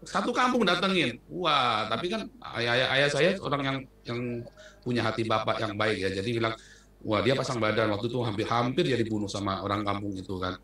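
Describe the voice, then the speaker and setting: A man's voice: medium pitch, a little fast, bright, forceful tone. A man giving an emotional personal account, agitated and repeatedly addressing his listener as sir. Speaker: interviewee in a played clip. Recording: echoey room, voice far from the mic.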